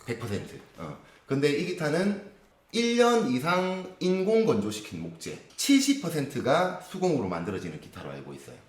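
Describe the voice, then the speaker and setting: Man, guitar review host, measured explanations, roomy echo. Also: on the high side, wildly swooping pitch, a little hiss or hum. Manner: explanatory, measured, frequent affirmations. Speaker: guitar lesson channel host. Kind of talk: casual gear review conversation.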